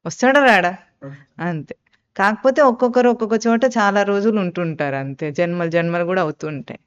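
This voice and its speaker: Spiritual teacher, smooth resonant voice, questions and answers, on a dull lo-fi recording. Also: medium pitch, a little fast. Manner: asks rhetorical questions and answers them; quotes and explains Sanskrit terms. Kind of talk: live scripture discourse.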